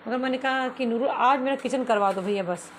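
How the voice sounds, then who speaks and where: A woman's voice: a little high, brisk, slight background noise. A woman vlogging from her home under renovation, ranting with indignation and laughing as she tells her story. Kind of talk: casual vlog talk.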